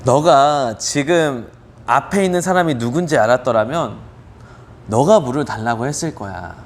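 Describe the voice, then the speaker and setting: Brief: a calm, authoritative Jesus in a retold Bible story, as a male preacher quotes him, solemn and gentle. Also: medium pitch, normal speed, a little hiss or hum, natural voice.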